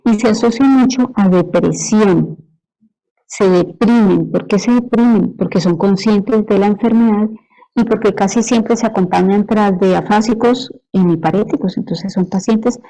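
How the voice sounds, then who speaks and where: A woman's voice: medium pitch, warm tone, rough recording. A woman lecturing on medicine, explaining patiently and checking in with her students after each point. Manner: explanatory, asks "¿sí?" to check understanding. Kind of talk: university lecture.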